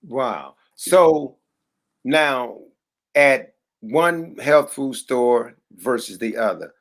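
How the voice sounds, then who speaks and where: A man hosts a podcast in a casual, chatty way. His voice sits at a middling pitch. He asks questions eagerly and keeps the talk moving. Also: animated, drawn-out words. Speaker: podcast host.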